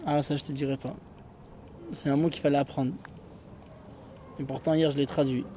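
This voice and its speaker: A man's voice: a little high, flat delivery, mellow, slight background noise. Man teaching, quizzing his class. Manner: patient, quizzing students with quick questions. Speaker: Arabic teacher. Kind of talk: classroom lesson.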